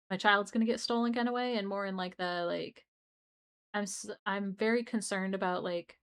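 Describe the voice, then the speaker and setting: Young woman, streamer, casual rambling chat, mid-height pitch, frequent restarts. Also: smooth.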